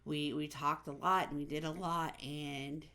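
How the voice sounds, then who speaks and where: A woman with a somewhat low voice shares a story from her shelter job in a relaxed, talk-to-camera way. She's earnest, fills her sentences with restarts, and lifts her voice sharply to act out what each person said. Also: a little slow. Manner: animated, acts out dialogue in raised voice; many fillers and restarts, earnest. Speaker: vlogger sharing stories; youth shelter intake worker. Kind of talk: casual storytelling monologue.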